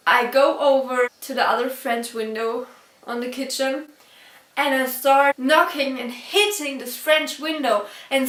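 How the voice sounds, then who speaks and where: Casual girl with a high voice doing a storytime vlog, laughs a lot, kinda far from the mic. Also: bright, forceful tone. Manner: chatty, laughs often between sentences; checks her own pronunciation aloud. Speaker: vlogger. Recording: roomy echo from a distance.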